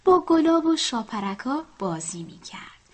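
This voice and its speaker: A woman reading a children's animal story aloud in a soft, hushed whisper. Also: high-pitched, very animated. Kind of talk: whispered bedtime story narration.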